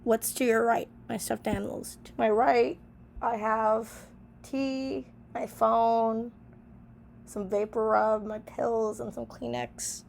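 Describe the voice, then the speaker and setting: Young woman vlogger, sick and stuffy, gravelly fry in her voice, offhand chatty reading, faint hiss behind. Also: on the high side, flat delivery, takes it slowly, darkish tone. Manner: chatty, reads each question then comments offhand with many fillers. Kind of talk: casual vlog, reading old journal answers aloud. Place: small bedroom in an apartment.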